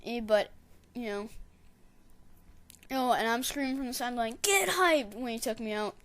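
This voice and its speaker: A woman casually narrating her gameplay in a rambling, digressive way, and getting excitable when she tells a story. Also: a little high, moderate pace, clear, resonant tone. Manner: excitable, shouts catchphrases when retelling. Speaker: gameplay commentator.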